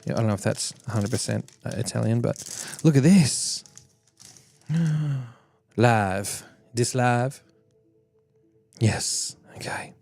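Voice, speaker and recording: A man's voice: mid-range voice, slow pace, vocal fry, pauses often, a little mellow, no room sound, faint music behind. A man streaming, chatting casually and laughing often as he opens card packs and reads chat aloud.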